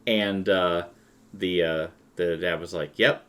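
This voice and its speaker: A man's voice: sits low, fairly even intonation, takes it slowly, smooth. A man running a tabletop game as game master, narrating and chatting conversationally with the players.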